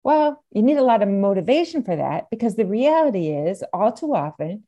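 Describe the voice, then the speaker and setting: A woman's voice: mid-range voice, big pitch swings, normal speed, mellow. A middle-aged or older woman, explaining things as an interview guest and stressing key points emphatically. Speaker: podcast guest, aphasia advocate.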